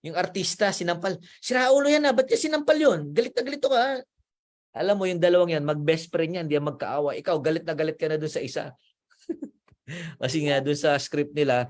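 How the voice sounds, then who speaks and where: A man giving a motivational talk to a group as a financial mentor, animated and acting out little scenes in higher voices. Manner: animated, acts out gossiping voices at higher pitch.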